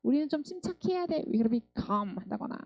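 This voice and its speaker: A woman's voice: high-pitched, lively intonation, moderate pace, vocal fry, a little mellow, dry recording, highs cut off. A woman teaching English pronunciation, explaining and repeating words again and again as drills. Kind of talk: language lesson.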